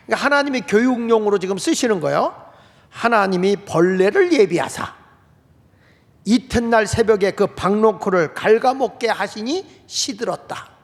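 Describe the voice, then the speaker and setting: A male pastor gives an animated sermon and throws questions to his congregation. His voice is high-pitched with a gravelly edge. The sound carries the long reverb of a church sanctuary. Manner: animated preaching, acts out quoted outbursts, asks the congregation questions.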